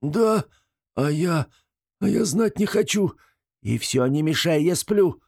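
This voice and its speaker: A man's voice: a little high, lively intonation, slow, creaky, a little mellow, breathy edge, pitched above the performer's own voice, exaggerated voice. Man doing a whiny superstitious gremlin. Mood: frightened pleading. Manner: whiny, pleading and indignant.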